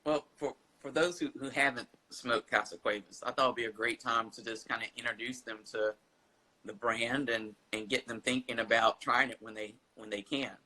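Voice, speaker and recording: A man's voice: mid-range voice, fairly even intonation, moderate pace, sharp tone, poor audio. A man hosting an online interview show, asking questions in a chatty, curious way. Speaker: host.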